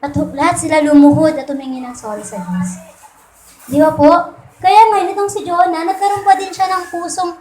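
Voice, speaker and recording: A woman's voice: extremely high pitch, fairly quick, dark tone. A woman preaching as she retells a Bible story in a casual way, politely asking her listeners questions again and again.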